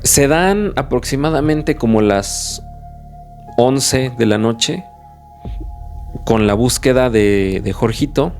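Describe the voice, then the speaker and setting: Slow-paced man telling spooky tales. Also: mid-range voice, animated, a little mellow. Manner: slow, measured telling with frequent restarts. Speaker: podcast host. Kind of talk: horror storytelling. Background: faint music.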